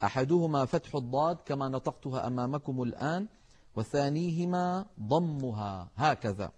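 A middle-aged man, a Quran recitation scholar giving a televised lesson in a measured, explanatory way and speaking straight to his viewers. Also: mid-range voice, darkish tone, slightly rough. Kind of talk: televised religious lesson with chanted verses.

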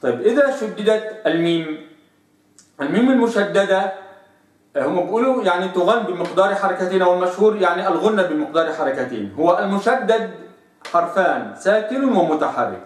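A man with an Egyptian accent teaching recitation, who explains each point and then drawls out sample sounds slowly in a lower voice. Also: expressive, far from the mic. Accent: Egyptian Arabic. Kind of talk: tajweed lesson. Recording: echoey room, voice off-mic.

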